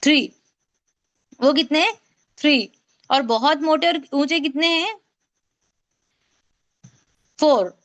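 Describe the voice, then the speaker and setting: A woman's voice: high-pitched, takes it slowly, long pauses. A woman teaching an online Quran recitation class, explaining patiently and repeating sounds for her students to drill. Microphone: video call.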